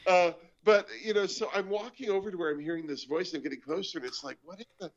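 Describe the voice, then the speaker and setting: A Canadian comedian and show host talks quickly in a high voice, telling stories in a casual chat. He's animated and acts out the voices he quotes, captured in dull lo-fi audio.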